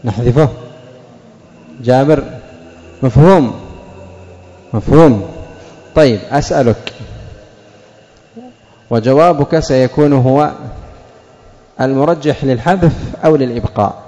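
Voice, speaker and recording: A man teaching Arabic grammar to a class, quizzing students and repeating example sentences slowly. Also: medium pitch, warm tone, long reverb tail.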